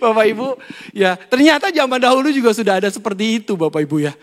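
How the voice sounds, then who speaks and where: A man preaching a sermon to a church congregation, talking in a lively, conversational way with rhetorical questions and jokes. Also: high voice, a little fast. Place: church hall during a Sunday service. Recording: long church-hall reverb.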